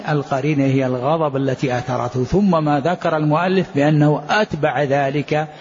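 In a dull, lo-fi recording with slight background noise, a man with a medium-pitched, darkish voice teaches a lesson on Islamic law. Addressing his audience as he works through a text, he asks questions and supplies the answers himself.

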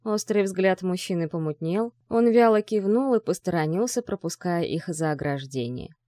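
A woman's voice: on the low side, lively intonation, normal speed, warm tone, no room sound. Dry, close audiobook narration by a woman. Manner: reads dialogue in raised, urgent tones.

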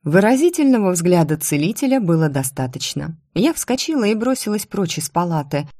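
A woman narrating a first-person fantasy audiobook in an expressive, dramatic reading. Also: lowish voice, a little fast, no room sound, clean studio sound.

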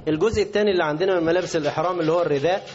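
A man with an Egyptian Arabic accent teaches a religious lesson interactively, quizzing his class as he explains. His voice is a little high and rapid-fire, captured in a dull lo-fi recording with a noisy background.

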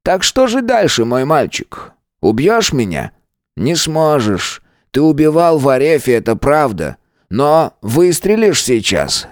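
A man's voice: fairly high pitch, sing-song, no echo, clean studio sound, voice pushed up. A man doing a cold, mocking manipulator. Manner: slow, mocking, menacing. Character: middle-aged man, cold, scornful manipulator.

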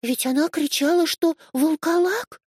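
Woman voicing a squeaky anxious little kitten. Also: measured pace, darkish tone, no echo, studio quality. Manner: earnest and panicky. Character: small, anxious, sleepy male kitten.

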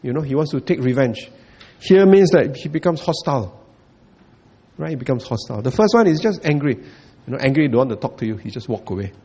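A man's voice: medium pitch, animated, a little fast, warm tone, breathy edge. A man giving a Buddhist dharma talk, repeating points, checking in with listeners and chuckling often. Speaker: Buddhist teacher.

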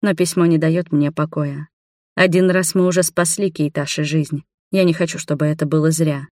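A woman calmly narrating a first-person audiobook on a close mic. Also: low-pitched, moderate pace, dry recording. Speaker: audiobook reader.

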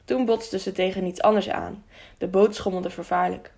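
A woman reading a children's adventure audiobook in a steady, expressive storytelling voice. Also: medium pitch, normal speed, creaky. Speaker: audiobook narrator. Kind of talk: audiobook narration.

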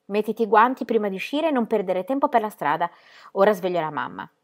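A woman reading aloud and voicing a proud, sharp-tongued older grandmother who scolds with emphasis. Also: medium pitch, expressive, quick pace, lightly acted. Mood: scolding.

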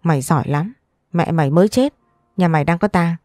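A woman's voice: lowish voice, fairly quick, a little mellow, no echo, studio quality, natural voice. A woman voicing a grieving middle-aged aunt who screams accusations and wails in an audio story. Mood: wailing rage.

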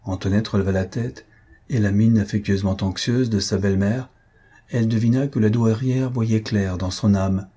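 Here a man with a fairly low, slightly rough voice reads a classic novel aloud as an audiobook narrator. The scripted delivery is measured and even throughout.

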